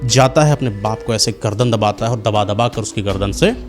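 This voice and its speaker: A man's voice: lowish voice, a little fast, soft background music. A man narrating a horror story dramatically, with an intense delivery and words repeated for suspense.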